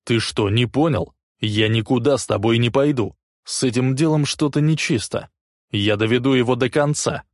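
A man doing a gruff, defiant tough guy. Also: mid-range voice, slow pace, few pauses, no echo, studio quality, pitched above the performer's own voice. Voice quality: gruff, barking. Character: angry defiant male suspect, tough and blunt.

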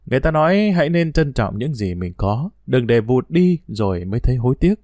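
A man's voice: mid-range voice, very animated, fairly quick, a little mellow, dry recording. A man narrating a first-person story in a wry, reflective, conversational way.

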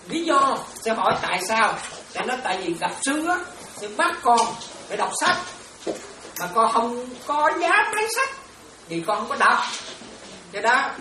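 A woman's voice: on the high side, bright, forceful tone, a little hiss or hum. A woman, a Buddhist nun, giving an informal, chatty dharma talk, laughing often and calling her listeners her children. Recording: roomy, from far off, crowd around.

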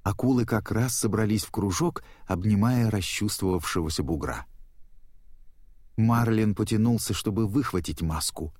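A man narrating a children's storybook in an expressive reading voice. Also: fairly low pitch, normal speed, no room sound, studio quality.

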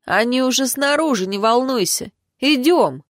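A woman voicing a caring, eager young male student who speaks quickly and reassuringly in an audiobook. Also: sits high, animated, dry recording, studio quality, voice pushed up.

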